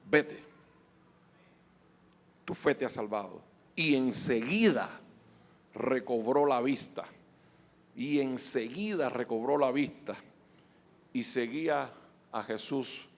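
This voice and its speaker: Gravelly, bright-voiced preacher in a hall. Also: male voice, medium pitch, lively intonation, measured pace, pauses often. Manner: swings from hushed reading to shouted preaching. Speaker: pastor. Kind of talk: sermon. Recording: echoey hall.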